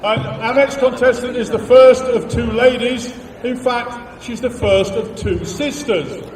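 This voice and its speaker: A man hosts a live competition as its announcer, speaking to the audience in a high voice. The sound is strongly reverberant and far from the microphone, with some noise behind him. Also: fairly even intonation, a little slow. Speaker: competition host, master of ceremonies. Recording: echoey, noisy hall, far from mic.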